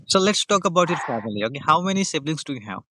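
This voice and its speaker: Guy with an indian accent running english practice, bright voice, dry close sound. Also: a little high, big pitch swings, quick pace, dry recording. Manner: friendly, repeats his questions, teasing. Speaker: conversation practice host. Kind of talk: casual video call chat. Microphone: video call.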